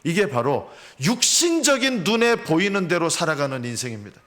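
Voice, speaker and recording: A male pastor preaching a sermon in a church sanctuary. His voice sits fairly high and moves in wide, lively swings. He keeps putting rhetorical questions to his listeners. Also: a little fast. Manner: asks the congregation rhetorical questions; animated preaching, acts out quotes.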